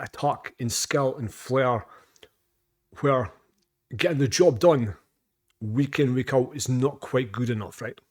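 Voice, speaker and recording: A Scottish reaction vlogger with a mid-range, slightly dark voice rambles through casual commentary. He repeats himself a lot, piling on fillers, restarts and plenty of swearing.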